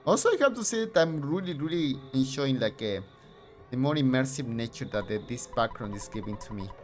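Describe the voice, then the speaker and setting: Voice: medium pitch, lively intonation, brisk, faint music behind. A streamer casually commenting while playing a retro game, rambling with many fillers.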